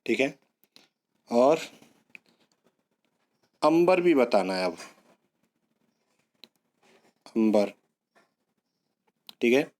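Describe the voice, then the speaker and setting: A man's voice: medium pitch, big pitch swings, drawn-out words, long pauses, darkish tone. A male teacher giving an online exam-prep lesson, repeating words and coaxing students along with memory tricks.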